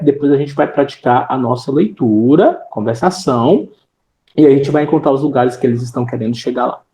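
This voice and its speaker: A woman's voice: deep voice, dark tone, echoey room, low-quality recording. A woman teaching an English class online with a Brazilian accent, explaining in Portuguese and checking in with frequent tag questions.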